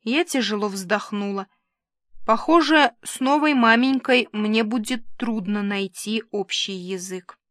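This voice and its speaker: A woman's voice: medium pitch, unhurried, a bit bright, dry recording, studio quality. A woman narrating a comic novel in the first person, in a wry, conversational storytelling manner. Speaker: audiobook narrator.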